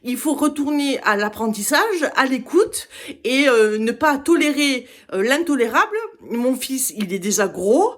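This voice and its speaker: A woman giving an opinionated campaign speech, halting with many hesitations and restarts. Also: high voice, expressive. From Italian heritage. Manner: blunt, opinionated rant. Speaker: political candidate.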